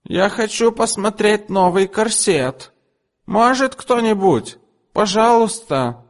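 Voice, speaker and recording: Brief: a man doing a shrill, imperious heavyset matron for an audiobook, pitched way up, swinging wildly, in a long-reverb room. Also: lively intonation, slow pace. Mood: whining. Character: bossy heavyset older woman customer, imperious. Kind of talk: audiobook character voice.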